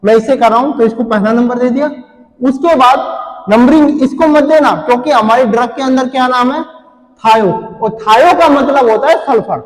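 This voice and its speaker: A man's voice: very high-pitched, normal speed, big-room sound, low-quality recording. A man teaching pharmacy in a lecture, repeatedly asking questions and answering them himself while drawing on a board. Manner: repetitive quizzing, asks then answers himself. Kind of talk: classroom lecture.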